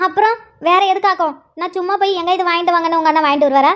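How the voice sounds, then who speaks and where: Voiced as a squeaky, fast-gossiping sister-in-law. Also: fairly bright tone, highs cut off. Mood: gossipy. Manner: chatty, teasing, fast gossip. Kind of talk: Tamil cartoon voice acting.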